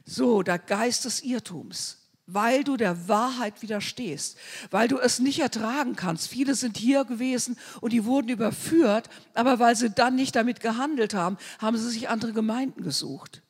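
A husky-voiced woman preaches with fervor, moving from loud declarations to hushed asides. Her voice rings with a long reverb, as in a church hall. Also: a little high, moderate pace. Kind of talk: sermon.

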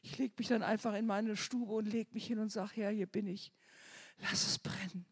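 A woman preaching a sermon with fervor, her delivery swinging from soft, near-whispered prayer to loud cries. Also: medium pitch, little pitch movement, fairly quick, husky.

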